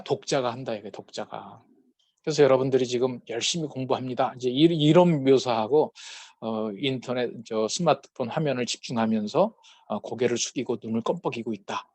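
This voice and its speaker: A man's voice: mid-range voice, darkish tone, no echo. A man teaching a peacemaking class, talking casually with many fillers and acting out short quarrels as examples. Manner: conversational, many fillers, acts out quoted quarrels. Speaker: peacemaking course lecturer. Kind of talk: lecture with acted example dialogues.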